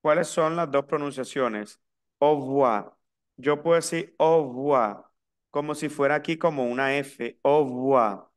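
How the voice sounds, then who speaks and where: Smooth-voiced man teaching a class. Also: a little high. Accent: Latin American Spanish. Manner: slow, spelled-out pronunciation drills. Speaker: French teacher. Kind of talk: online language lesson.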